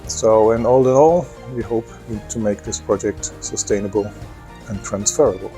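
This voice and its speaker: Low, mellow-voiced man with many pauses. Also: faint music behind. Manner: hesitant, many ums, restarts. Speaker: expert for a project. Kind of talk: talking to camera in a promo clip.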